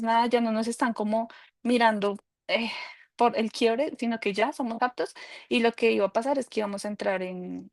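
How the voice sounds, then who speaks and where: A woman, giving an earnest, halting faith testimony with frequent restarts. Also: a little high, a little mellow, dry recording. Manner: halting, many restarts and fillers, earnest and confessional.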